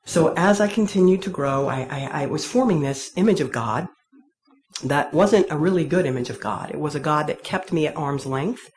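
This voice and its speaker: A woman's voice: low-pitched, normal speed, a little mellow. Woman telling a candid faith story. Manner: candid, wry storytelling with self-deprecating humor. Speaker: speaker sharing a personal faith story. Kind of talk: personal testimony told to an audience.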